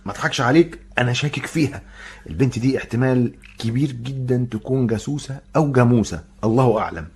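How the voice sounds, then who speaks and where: A man playing a rapid-fire cheeky Egyptian youth. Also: medium pitch, darkish tone, a little hiss or hum, close to an everyday voice. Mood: scheming. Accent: Egyptian Arabic. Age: young adult. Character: cheeky, quick-talking poor young man. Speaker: Mando, a poor young man. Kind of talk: comic radio drama acting.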